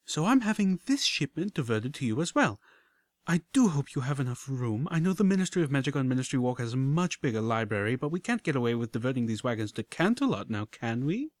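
A man's voice: medium pitch, sing-song, fast talker, no echo. A man voicing an elegant, fussy adult mare pony with a refined, affected way of talking, heard as a message played back from an old terminal. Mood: gushing. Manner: refined, affected, breezy talk. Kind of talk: audiobook character voice.

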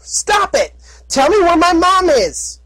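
A shrill frantic young pony filly. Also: male voice, big pitch swings, slow, dry recording, exaggerated voice. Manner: high shrill pleading, often shouting. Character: small frantic pony filly, childlike and stubborn.

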